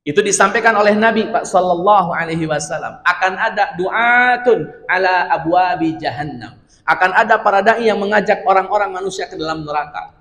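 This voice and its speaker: A man preaching an Islamic study sermon, telling stories with lively asides to his audience. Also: high-pitched. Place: large mosque hall. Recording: echoey hall reverb.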